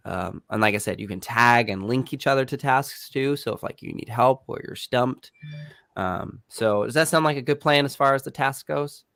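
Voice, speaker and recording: A man's voice: mid-range voice, normal speed, gravelly, a bit bright, no room sound. Easygoing man hosting a team call. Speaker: team meeting host. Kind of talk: casual team meeting chat.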